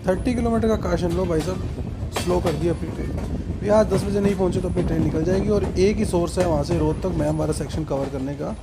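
A man giving live, brisk commentary on a train journey, full of times and train details, filmed on a phone aboard the train and on a railway platform outdoors. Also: sits high, vocal fry. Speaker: train travel vlogger. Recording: loud train and outdoor noise.

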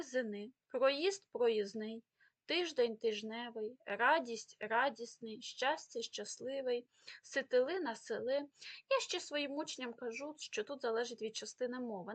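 High-voiced Ukrainian woman tutor. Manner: explains rules step by step, lists example words with emphasis; filler pauses. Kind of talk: exam prep lesson.

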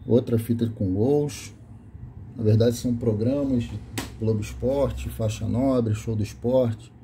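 A man's voice: mid-range voice, fairly even intonation, a little slow, dark tone, slight background noise. A Brazilian man filming his VHS tape collection indoors and reading the labels aloud in a casual, list-like way, correcting himself as he goes. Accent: Brazilian Portuguese. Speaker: video host showing a collection of VHS tapes. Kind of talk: casual off-camera commentary. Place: small room indoors.

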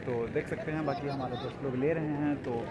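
Over a noisy crowd, a young travel vlogger with a medium-pitched voice talks a little fast and with fairly even intonation. He films on his phone at arm's length, moving from inside a train to an outdoor railway station, and chats to camera while calling viewers friends again and again. The moving train and the station create loud background noise.

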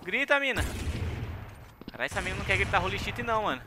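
A young man with a Brazilian Portuguese accent giving excitable, slangy commentary over his shooter gameplay. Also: sits high, quick pace. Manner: excitable, slangy, shouts at the game. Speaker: gaming channel host. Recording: gunfire noise under voice. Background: game gunfire.

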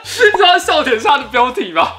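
A man's voice: very high-pitched, sing-song, quick pace, sharp tone. A young man, hosting a casual reaction show in a giggly, joking way. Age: young adult. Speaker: host of a try-not-to-laugh challenge. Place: small indoor set with sofa. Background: music.

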